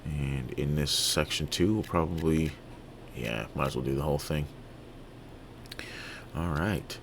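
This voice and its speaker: Canadian man, very low gravelly voice, laid-back game commentary with lots of ums, faint hiss behind. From Toronto, Canada. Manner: relaxed, halting, many fillers and restarts. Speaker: gaming video creator. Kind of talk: casual let's-play commentary.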